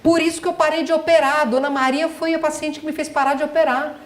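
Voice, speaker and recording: Her voice is high and steady, and she talks at a quick pace. The middle-aged doctor delivers an emphatic spiritual lecture, putting rhetorical questions to listeners in a hall full of echo.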